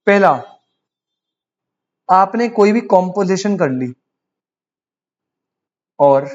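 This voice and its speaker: A man's voice: high-pitched, animated, drawn-out words, muffled recording. A man with an Indian accent teaching commerce law in a casual lecture, calling students "beta" and asking them rhetorical questions. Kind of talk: casual Hindi-English lecture.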